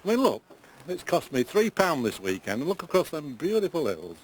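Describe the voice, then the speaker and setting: A man gives a jokey, casual interview answer. His voice is husky and fairly high, swinging about in pitch as he tags on questions. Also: big pitch swings, a little fast, rough recording. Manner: jokey, colloquial, ends on tag questions. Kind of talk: casual vox pop.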